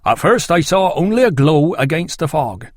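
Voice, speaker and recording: A man voicing an earnest, excitable male farmer who speaks with awe. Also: on the high side, normal speed, no echo, studio quality. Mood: awed. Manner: eager, awed, excitable.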